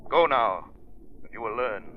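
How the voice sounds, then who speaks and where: An actor playing a mysterious, unseen crime fighter, deliberate and ominous, in theatrical 1930s radio style. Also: male voice, mid-range voice, expressive, close to an everyday voice. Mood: urgent warning. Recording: muffled, hissy 1930s radio recording.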